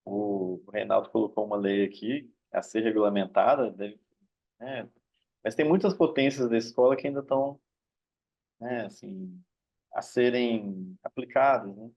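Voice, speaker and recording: A man's voice: fairly low pitch, a little slow, gravelly, long pauses, dull audio. A man mediating an online discussion, speaking thoughtfully and hesitantly and often ending his sentences with tag questions.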